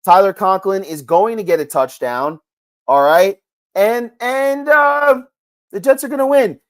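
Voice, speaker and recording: A middle-aged man hosting a sports podcast, talking in an excitable, rambling way with big swings in pitch and loudness. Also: unhurried. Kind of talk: casual sports commentary.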